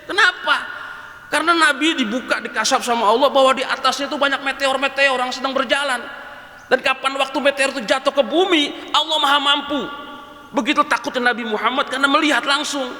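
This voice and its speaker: A male preacher giving a sermon in a mosque, with lively storytelling and animated quoting. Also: very high voice, brisk. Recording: echoey hall.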